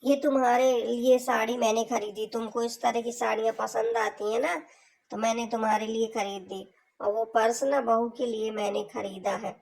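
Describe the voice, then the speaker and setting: A woman voicing a gentle middle-aged mother who mildly scolds her daughter in a homemade family drama skit. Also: on the high side, level tone, moderate pace, creaky, rough recording. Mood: kindly.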